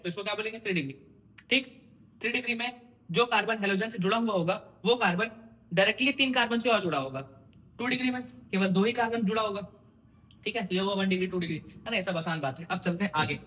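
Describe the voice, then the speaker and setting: A young chemistry teacher lectures for exam prep, quizzing his students by firing questions and answering them himself. His voice sits high, bright and sharp, with a teasing, informal edge. He repeats questions to the students as he goes.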